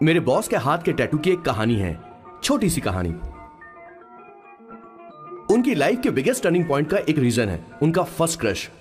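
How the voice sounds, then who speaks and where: A man's voice: a little high, sing-song, normal speed, long pauses, soft background music. An actor playing a loyal young sidekick who narrates his boss's story, dubbing a film in a chatty storytelling manner. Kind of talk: Hindi film dub.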